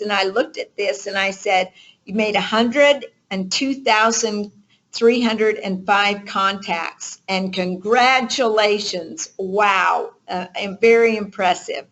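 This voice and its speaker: On a conference call line, a woman coaches a group motivationally, speaking emphatically and checking in with rhetorical questions. Her voice is medium-pitched and fairly bright, and the sound is lo-fi.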